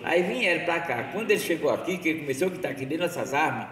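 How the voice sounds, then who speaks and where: A man's voice: a little high, expressive, racing, crowd noise. A man, telling local history as an oral storyteller in a rambling way, restarting and correcting himself. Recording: echoey, roomy sound from a distance with faint noise.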